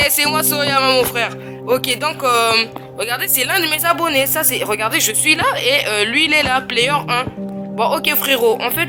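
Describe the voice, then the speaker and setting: High-voiced excitable woman gaming over music. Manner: excitable, chatty, squeals when surprised. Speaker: gaming YouTuber. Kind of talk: casual game commentary to viewers. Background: game music.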